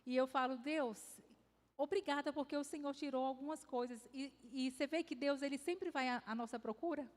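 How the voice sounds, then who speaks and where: A high-pitched woman with a Brazilian Portuguese accent gives a devotional talk in a church hall. She speaks in a conversational, anecdotal way and adds light self-deprecating humor. Her voice carries a long reverb tail from the hall. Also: fairly even intonation, normal speed. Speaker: conference speaker.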